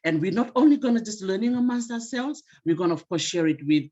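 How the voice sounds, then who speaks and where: Woman panelist, earnest and grateful, halting fillers, mellow tone, muffled call audio. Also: mid-range voice, lively intonation. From Fiji. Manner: earnest and appreciative, with frequent "uh" fillers. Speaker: museum association representative, panelist. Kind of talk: symposium panel remarks.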